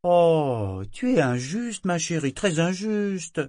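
A man voicing a lively female living ship figurehead with a rich timbre, fond, teasing and energetic. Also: a little high, slow pace, no room sound, studio quality, voice pushed up. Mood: protesting. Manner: energetic, chiding.

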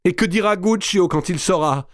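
A man's voice: sits high, moderate pace, dry recording, studio quality, pitched above the performer's own voice, natural voice. A man voicing a grieving young woman who pleads and wails through her sobs, his voice pushed well above his own. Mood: despairing. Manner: wailing, pleading, broken by sobs.

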